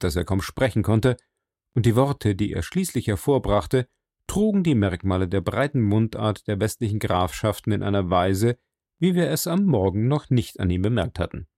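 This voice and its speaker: A man reading a novel aloud with calm storytelling narration. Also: fairly low pitch, no room sound, clean studio sound. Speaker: audiobook reader. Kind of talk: scripted narration.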